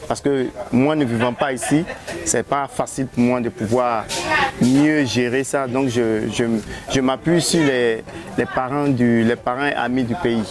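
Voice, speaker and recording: A man's voice: medium pitch, fairly even intonation, a little slow, crowd noise. A man from Côte d'Ivoire, interviewed outdoors as a guest, speaking hesitantly with many restarts. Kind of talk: street interview. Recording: music bed underneath.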